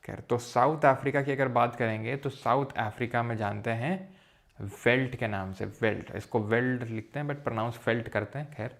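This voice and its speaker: A man's voice: medium pitch, normal speed, vocal fry. Casual man teaching a geography lesson. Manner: casual, mixes English terms into Hindi speech; playful, jokes to make memory tricks. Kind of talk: recorded geography lecture.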